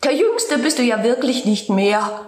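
A woman's voice: a little high, sing-song, a little slow, pitched above the performer's own voice. A woman voicing a talking meadow in a storybook that is teasing and sleepy, with a mocking, languid manner. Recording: roomy echo.

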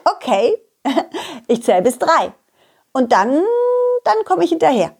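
Playful high-voiced woman telling a children's story. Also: sing-song, slow pace, creaky, darkish tone, husky. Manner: playful and coaxing.

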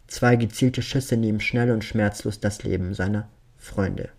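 A man with a fairly low voice reads a dark, violent story aloud. His delivery is calm and measured throughout, and it sounds like scripted storytelling narration.

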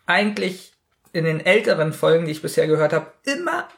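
A man's voice: on the high side, lively intonation, fairly quick, gravelly, a bit bright. A man co-hosting a podcast, talking casually and critically, sometimes hesitant. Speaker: podcast co-host. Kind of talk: casual chat reviewing a radio play.

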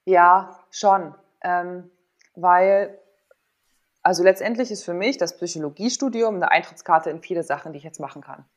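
At a moderate pace and in a lowish voice, a woman in her thirties tells personal stories as an interview guest. Once an athlete and now a sports psychologist, she talks casually and openly, working through her thoughts aloud.

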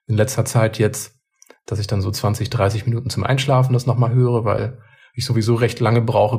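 Gravelly and a little husky, with a dark, mellow tone at a medium pitch, this man co-hosts a podcast and chats in a relaxed, reflective way. He frequently restarts and repeats words while working through a thought.

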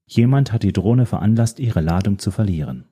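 A man's voice: lowish voice, expressive, husky. A man voicing a cool, mysterious woman informant. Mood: cool, composed. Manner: measured, composed, quietly menacing.

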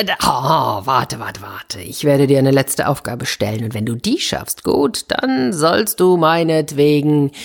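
A woman voicing a bossy, blustering old king in a children's story, with a low, husky voice. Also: full character voice. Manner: bossy, exclaiming, theatrical.

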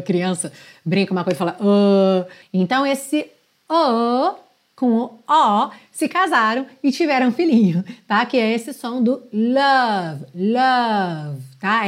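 A Portuguese-speaking woman teaching English pronunciation in a podcast lesson. She is friendly and encouraging, and she checks in with the listener often. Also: a little high. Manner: switches between quick explanations and slow, careful sung-phrase demonstrations.

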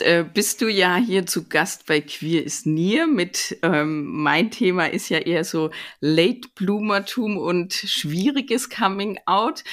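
A woman's voice: on the low side, a bit bright. A woman, hosting a casual podcast interview and chatting in a storytelling way. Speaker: podcast host.

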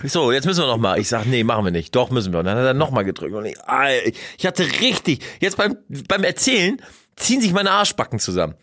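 A man, co-hosting a casual podcast, telling a story in a lively, crude way with swearing and laughter. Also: mid-range voice, fast talker, no echo, clean studio sound. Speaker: podcast co-host.

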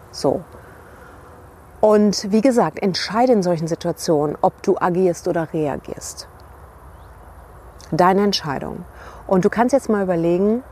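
Woman coach talking to camera by a river, lowish voice, reflective, faint outdoor hum behind. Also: a little mellow. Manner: reflective, addresses the viewer directly with tag questions. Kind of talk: motivational talk to camera.

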